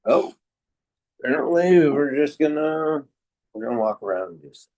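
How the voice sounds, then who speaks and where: A man's voice: a little high, animated, moderate pace, a little mellow. A man chatting casually on a live stream, mostly with short reactions.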